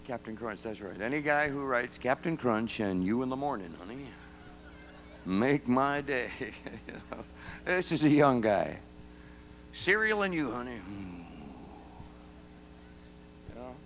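A man's voice: medium pitch, animated, a little slow, pauses often, fairly bright tone, a little hiss or hum, rough recording. A man, a singer-songwriter, trading folksy, teasing banter with a live audience. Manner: folksy, teasing, talks to the crowd and kids. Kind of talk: joking stage banter with the audience. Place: live concert venue.

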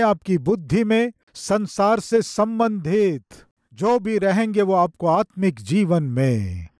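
A man in his forties preaching from a stage lectern, slow and emphatic, with repeated phrases and dramatic pauses. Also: fairly high pitch, darkish tone, no room sound, studio quality. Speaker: pastor. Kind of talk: sermon. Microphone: podium microphone.

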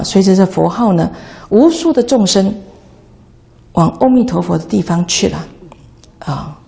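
A woman's voice: lowish voice, gravelly, warm tone. A woman, a Buddhist nun, giving a patient, instructive dharma talk on how to chant.

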